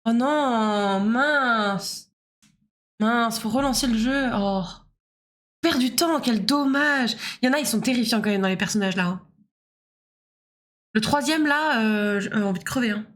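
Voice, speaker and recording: A woman's voice: fairly high pitch, measured pace, pauses often, a bit bright. A young woman chatting casually with her viewers while she streams a game, joking and talking to her chat. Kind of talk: casual live game commentary.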